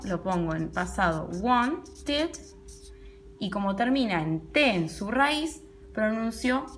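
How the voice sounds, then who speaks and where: A woman English teacher with a medium-pitched voice patiently explains a pronunciation rule in a classroom lesson, repeating words slowly and often checking in with her students. There's a little hiss or hum in the recording.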